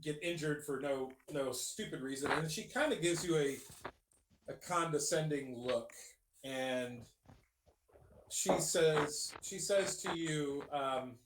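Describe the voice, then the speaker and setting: A man running a tabletop game, talking slowly and hesitantly with lots of ums and restarts. His voice sits a bit high for a man, in an echoey room with faint hiss. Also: far from the mic. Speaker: game master.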